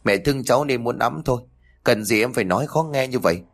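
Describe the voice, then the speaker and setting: A man voicing a devoted grown son in a spoken story, speaking earnestly and pleadingly, a bit above his narrating pitch. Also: quick pace, vocal fry, breathy edge.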